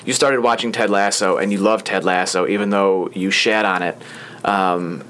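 A young man with a fairly low voice hosts a casual podcast from a small studio, rambling along with plenty of ums and restarts. A faint hiss sits under his voice. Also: fairly even intonation, normal speed, fairly bright tone. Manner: chatty, rambling with frequent fillers. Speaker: podcast host. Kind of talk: casual chat.

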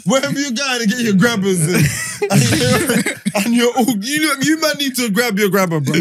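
A man with a London roadman accent chatting casually in heavy street slang, animated and repeating phrases for emphasis. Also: extremely high pitch, normal speed, crowd noise.

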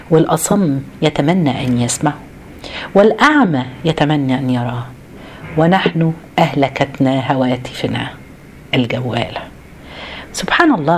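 An Egyptian woman with a fairly deep voice gives an informal religious talk. She addresses her group conversationally, exhorting them and posing rhetorical questions. There is faint noise in the recording. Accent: Egyptian Arabic. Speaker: religious lesson host.

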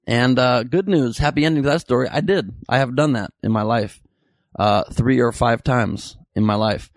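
A man's voice: medium pitch, normal speed, no room sound. A man hosting a comedy show, delivering a dry, rambling monologue full of self-correcting jokes. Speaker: comedy podcast host. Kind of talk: deadpan comic monologue.

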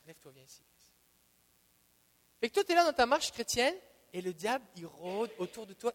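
A man with a noticeably high voice preaches with a Quebec French accent, leaning hard on repeated phrases and swinging from hushed asides to loud declarations. His sermon rings out with the long reverb of a church hall. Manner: emphatic, repeats key phrases, swings between soft and loud. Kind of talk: Bible teaching sermon.

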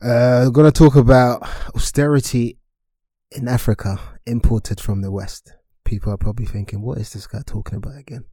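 Low, mellow podcast co-host, hesitant and searching for words, dry close sound. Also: male voice, steady tone, brisk, no echo. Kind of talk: casual finance podcast chat.

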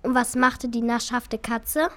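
A woman narrating a fairy tale in a clear, measured, expressive reading voice. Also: fairly high pitch. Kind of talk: storybook narration.

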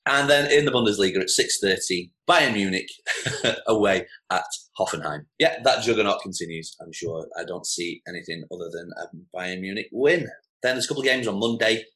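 A man hosting a casual sports chat, running through the week's fixtures with relaxed asides. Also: low voice, fairly quick. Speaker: show host.

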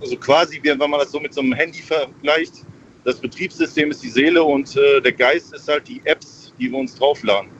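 A man calling into a show from a car hands-free speakerphone while driving, calmly explaining his ideas with technology comparisons. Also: on the high side, a little fast. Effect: car hands-free speakerphone on a phone line. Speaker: caller. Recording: muffled lo-fi car phone line with faint road noise.

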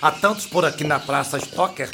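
An actor playing a pompous, domineering older father who speaks in a commanding, gravelly voice in an audio drama. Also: a little high, normal speed, music in the background. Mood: haughty.

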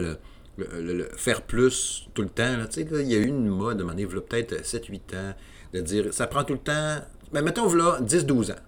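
Québécois male podcast host, fairly low voice, solo and rambling, chatty and loose. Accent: Québécois French. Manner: rambling, casual, self-deprecating with many fillers and restarts. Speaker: video game podcast host.

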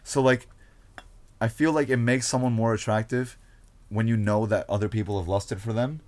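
A man's voice: lowish voice, moderate pace. A young man, co-hosting a podcast in casual, crude chat and telling stories with lots of swearing. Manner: animated storyteller, swears a lot. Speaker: podcast co-host.

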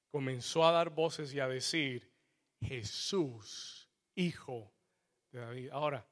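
A blind man preaches a sermon, swinging between loud shouts and low murmurs and slipping into English asides.

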